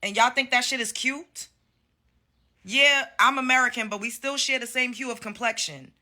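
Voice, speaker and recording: A woman's voice: fairly high pitch, normal speed, sharp tone. A woman from Brooklyn, delivering a heated, confrontational rant full of swearing. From Brooklyn, New York. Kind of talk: angry social media rant.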